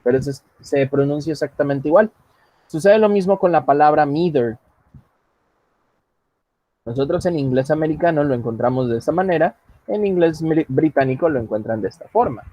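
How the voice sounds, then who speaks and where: Husky male teacher on a video call, patient and joking with students. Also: fairly high pitch, animated, moderate pace, dark tone, no room sound, muffled recording. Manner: patient, joking asides, switches between English and Spanish. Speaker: English teacher. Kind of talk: online class, bilingual teaching. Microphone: computer mic on a video call.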